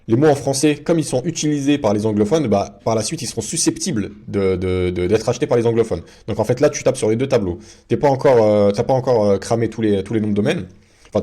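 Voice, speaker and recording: A man's voice: fairly low pitch, dark tone. A man giving a casual screen-share tutorial as a video host, talking in a chatty way with many fillers and restarts.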